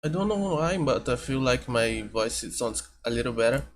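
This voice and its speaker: Speaking in an animated, medium-pitched voice, a Portuguese-speaking vtuber reacts casually on stream from home, the air conditioner humming nearby. He thinks out loud in a halting way, restarting and correcting himself again and again.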